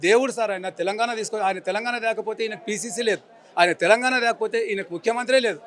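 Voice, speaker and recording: This member of the public, a man in his forties with a Telangana Telugu accent, is caught in a street interview ranting angrily and emphatically, insults repeated again and again. His voice sits high, racing and a bit bright.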